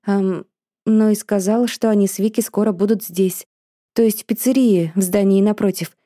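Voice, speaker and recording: A woman voicing an impulsive, emotional young woman who speaks up loudly and complains in an audiobook. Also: medium pitch, moderate pace, no echo, clean studio sound, pitched above the performer's own voice, natural voice. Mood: excitable. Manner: excitable, complaining, raised voice.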